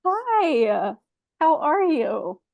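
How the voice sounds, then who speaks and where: A woman's voice: sits high, sing-song, extremely slow, gravelly, a little mellow, no room sound. An American woman guesting on a podcast, talkative and rambling in casual chat. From United States.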